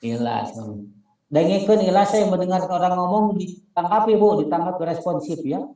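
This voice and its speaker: A man's voice: high voice, animated, moderate pace, warm tone. A man with a Sundanese accent lecturing a class, repeating key points with emphasis and spelling out acronyms letter by letter. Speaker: instructor. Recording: echoey room.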